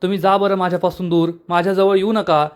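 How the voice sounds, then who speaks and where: A man's voice: high voice, flat delivery, fast, clear, resonant tone, natural voice. A man voicing a small, frightened young wife who protests and pleads. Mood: scared.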